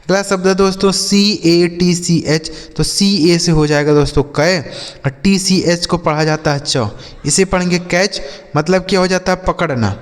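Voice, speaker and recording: A man teaching English words, spelling each one letter by letter and slowing down to read out example sentences. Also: high-pitched, big-room sound. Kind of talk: spelling and word-meaning lesson.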